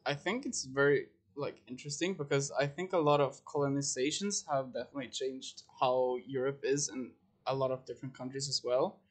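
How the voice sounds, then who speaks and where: A man's voice: mid-range voice, steady tone, a little fast, hardly any pauses. A man in his twenties from Chile, a chef answering casually as a podcast guest, easygoing and brief. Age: 20s. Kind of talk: casual interview.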